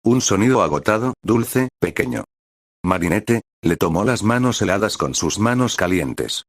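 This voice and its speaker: A man reads a dark storybook chapter in a measured, dramatic way. His voice sits very low. The sound is dry and close. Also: animated, no echo. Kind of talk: scripted narration.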